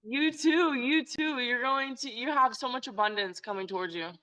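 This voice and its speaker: A young woman hosting a podcast, chatty and effusive, full of fillers and warm praise for her guest. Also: sits high, moderate pace, poor audio. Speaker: podcast host. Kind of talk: casual podcast interview.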